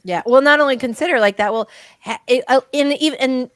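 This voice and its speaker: A woman's voice: high voice, a little fast, a bit bright, no echo. A woman co-hosting a casual live-stream chat, reading viewer comments aloud and talking with many restarts. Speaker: livestream co-host.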